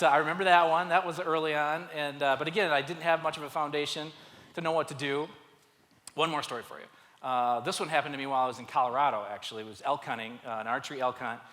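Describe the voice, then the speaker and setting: A middle-aged man telling self-mocking stories, animated, to a live audience at a men's church event. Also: a little high. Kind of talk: storytelling talk to a live audience. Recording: live hall with long reverb.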